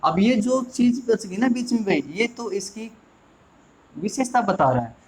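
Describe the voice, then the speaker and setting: A man's voice: high voice, animated, measured pace, darkish tone, breathy edge, poor audio. Indian male teacher quizzing his class. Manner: coaxing, quizzes viewers with repeated questions. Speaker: English teacher. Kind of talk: classroom lesson explaining grammar.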